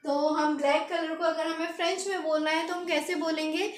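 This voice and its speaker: Woman, language teacher, high-pitched, spells out words, asks learners to repeat, roomy echo. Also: little pitch movement, normal speed, a little hiss or hum. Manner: spells words letter by letter and has students repeat. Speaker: French teacher. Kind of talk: lesson for beginners. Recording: echoey room.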